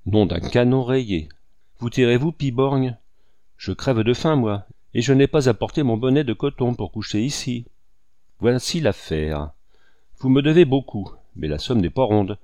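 A man voicing a blunt, gruff army colonel who speaks brusquely and gives orders, in an audiobook reading. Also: medium pitch, lively intonation, unhurried, warm tone, dry recording, lightly acted. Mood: impatient. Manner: brusque, commanding.

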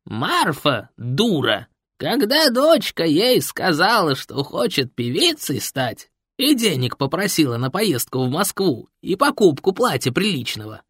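A man voicing a grumpy, shrewd old village man with a creaky, gruff voice in an audiobook. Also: a little high, big pitch swings, a little slow, fairly bright tone, no echo, studio quality, voice pushed up, exaggerated voice. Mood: storytelling. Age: older. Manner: folksy, blunt storytelling. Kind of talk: audiobook character voice.

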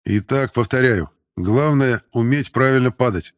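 A man's voice: medium pitch, normal speed, voice pushed up, lightly acted. A man voicing a stern male sergeant instructor who barks commands and mocks drily, in an audiobook. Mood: commanding. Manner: barking commands, loud and clipped.

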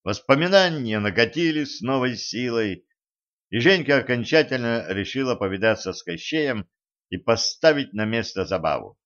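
A man narrating a fantasy novel in a steady, even storytelling voice. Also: mid-range voice, normal speed, muffled recording. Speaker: audiobook narrator. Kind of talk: scripted fiction narration.

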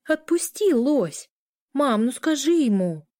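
A sassy, quick-tempered kid sister, her voice jumping up high whenever she protests, played by a woman reading. The tone stays mellow and close, with no room around it. She fires back at her brother and everyone else. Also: very animated, no echo. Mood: indignant. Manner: indignant, squealing retorts. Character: teenage girl, cheeky, quick-tempered younger sister.

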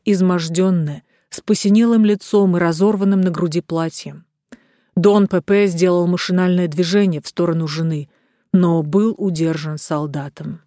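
Woman reading an audiobook, lowish voice, steady pace, dry close sound. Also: dry recording. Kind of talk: audiobook narration.

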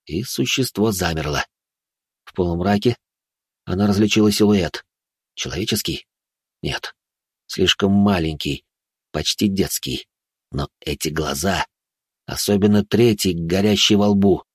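A man with a low, husky voice narrates a dark story in a hushed, ominous tone. The recording is dry and close, with no room sound. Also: measured pace, long pauses, no room sound. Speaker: audiobook narrator.

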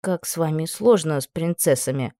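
A put-upon young prince, played by a woman reading aloud mutters softly with mild irritation. The voice is close and dry. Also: low-pitched, moderate pace, no room sound, lightly acted. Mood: muttering. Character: irritable male prince prisoner.

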